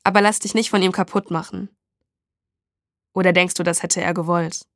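A blunt homeless man who collects bottles, put on by a woman reading a story. He talks in rough street slang and teases, in a flat, gravelly voice. The sound is dry and close. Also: fairly low pitch, normal speed, no echo, close to an everyday voice.

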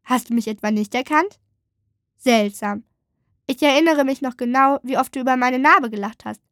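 A woman voicing a calm, soft-spoken male wooden creature in a storybook. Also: high voice, normal speed, no echo, clean studio sound.

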